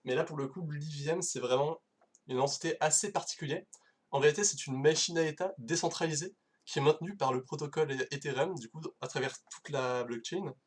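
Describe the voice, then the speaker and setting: A man's voice: on the high side, brisk, slightly rough. Hesitant man giving a live tech talk. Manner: hesitant, many fillers and restarts; casual, self-deprecating. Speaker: conference speaker. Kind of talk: live-streamed technical talk.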